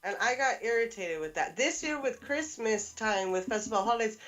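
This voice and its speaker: A woman guest on a livestream, chatting casually and telling quick, lively anecdotes. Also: on the high side, faint music behind. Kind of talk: casual chat.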